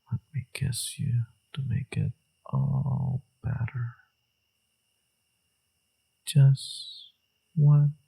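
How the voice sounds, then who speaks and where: A man performs a flirtatious villain in a romantic audio roleplay, his low, husky voice gravelly and breathy. He murmurs slowly and teasingly, and beneath the heavily acted, dark-toned performance the character is secretly tender and caring. The recording is rough, and the piece is intimate scripted acting.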